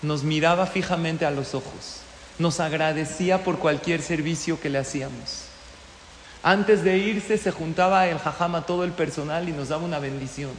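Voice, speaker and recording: A man giving a storytelling sermon, an animated teacher who keeps asking his listeners questions. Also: a little high, moderate pace, slight background noise. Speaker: religious teacher. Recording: echoey hall with long reverb.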